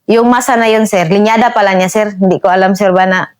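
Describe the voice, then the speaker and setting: A woman's voice: medium pitch, steady tone, fairly quick. Soldierly woman saying sir constantly. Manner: respectful, says "sir" after nearly every phrase. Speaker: army corporal telling her combat story. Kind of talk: interview storytelling.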